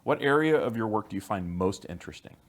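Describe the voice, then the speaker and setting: A man with a very low voice hosts a podcast and asks rapid-fire interview questions. He keeps his interjections short and upbeat. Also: expressive. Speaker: podcast host.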